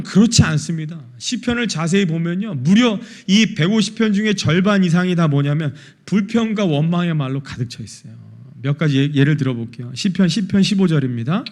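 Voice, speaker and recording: A pastor preaching a sermon, asking the congregation questions and acting out prayers and quarrels in quoted voices. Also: male voice, high-pitched, a little mellow. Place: church worship service.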